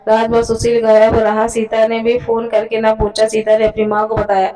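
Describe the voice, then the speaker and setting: A woman reading a sad family story aloud in an even, plain way, stumbling and restarting now and then. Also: fairly high pitch, moderate pace, far from the mic, faint music behind, low-quality recording.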